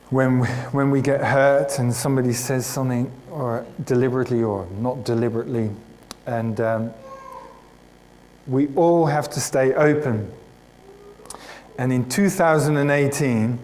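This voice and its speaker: In a church hall, a pastor tells his congregation a personal story in a chatty, self-mocking way, calling listeners by name. His voice is medium-pitched and darkish, and the audio is poor.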